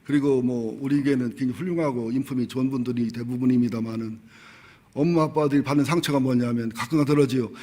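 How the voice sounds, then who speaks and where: A man's voice: medium pitch, steady tone, quick pace, warm tone. A middle-aged male pastor giving a sermon, telling personal stories candidly and with humor, acting out the voices he quotes.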